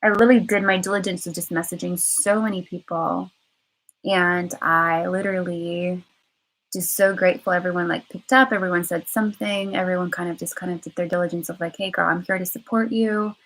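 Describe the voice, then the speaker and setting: This is a low-quality recording of a woman vlogger's casual live-stream monologue, candid and emotional, full of rambling, repetition and fillers. She has a lowish, a bit bright voice, talks a little fast, and keeps her intonation fairly even.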